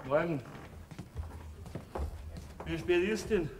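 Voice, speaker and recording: Grumpy bavarian husband, high lively voice, far off in an echoey hall. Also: male voice, drawn-out words, very noisy. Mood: grumbling. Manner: gruff, grumbling. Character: grumpy hungover middle-aged husband, gruff. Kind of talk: folk theater comedy acting. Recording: distant stage recording, roomy hall.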